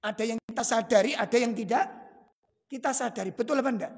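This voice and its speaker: A male preacher delivers a lively, joking sermon and drops quips along the way. His voice is slightly husky and breathy. A long reverb trails after every phrase, as in a large hall. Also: very high-pitched, fast. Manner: animated, teasing, mixes in Javanese asides and quips. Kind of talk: humorous sermon to a congregation.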